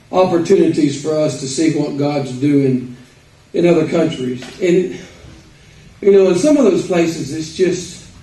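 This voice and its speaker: A man with an Arkansas accent giving an informal, folksy sermon with halting pauses. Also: on the high side, dark tone. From Arkansas, United States. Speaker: preacher. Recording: roomy echo, distant microphone.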